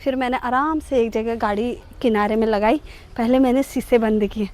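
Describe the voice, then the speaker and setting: A middle-aged woman telling a comic personal story to her viewers in an animated, self-mocking way. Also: on the high side, moderate pace. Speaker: vlogger.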